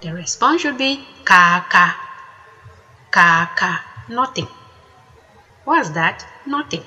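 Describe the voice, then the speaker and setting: A woman teaching a language lesson, saying each word slowly and deliberately and repeating it twice before explaining it. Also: fairly low pitch, lively intonation, bright, forceful tone, lo-fi sound. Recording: echoey room with long reverb.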